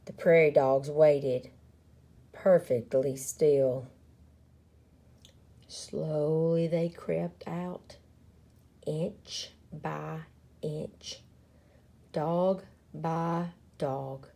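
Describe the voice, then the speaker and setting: Reading a children's picture book aloud, a storyteller uses a low-pitched voice with vocal fry. She is dramatic and expressive, stressing words deliberately and playfully.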